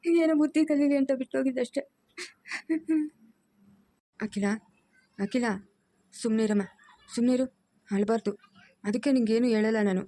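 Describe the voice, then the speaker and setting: A woman performs a stern, hurt mother who lectures her family firmly. The voice sits high but moves in a narrow, level band. The sound is dry and close. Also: fairly even intonation, moderate pace, long pauses, dark tone, no room sound, natural voice. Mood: bitter reproach. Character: aging mother, stern and wounded. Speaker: mother-in-law. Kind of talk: amateur family drama acting.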